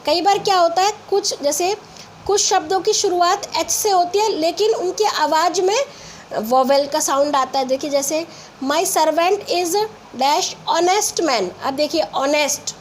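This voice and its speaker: A woman teacher with an Indian English accent explains grammar to school children, patiently and step by step, reading example sentences slowly. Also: extremely high pitch, slight background noise.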